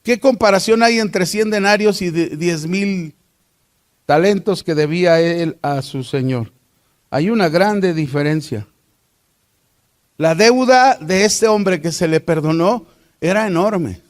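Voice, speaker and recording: Mexican man teaching a Bible lesson, unhurried, keeps asking the class questions. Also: high voice. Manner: deliberate, asks the class rhetorical questions.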